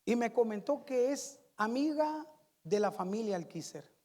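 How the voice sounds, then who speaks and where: A woman preaching a sermon, telling a story slowly and building to fervent praise. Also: a little high, expressive. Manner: slow storytelling, rising to fervent shouted praise. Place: church sanctuary. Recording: reverberant church hall.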